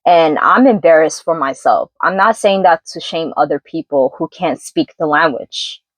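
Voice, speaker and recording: A young woman from New York talking candidly into her vlog, earnest and reflective, pausing and correcting herself. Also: sits low, lively intonation, no room sound, low-quality recording. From New York City, Brooklyn. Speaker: vlogger. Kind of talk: candid personal vlog monologue.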